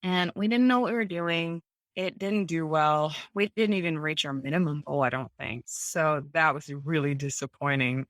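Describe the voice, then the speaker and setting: A woman guest in an interview, telling her story in a casual, animated way, acting out what people said and laughing often. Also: low voice, dry recording. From United States. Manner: animated, acts out voices in anecdotes, laughs often. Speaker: guest, home bakery owner.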